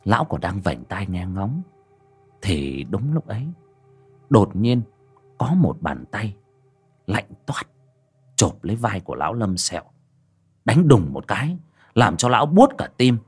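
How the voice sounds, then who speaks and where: A man narrating a horror story in a dramatic, animated manner. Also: fairly low pitch, measured pace, pauses often, slightly rough, soft background music. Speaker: audiobook narrator.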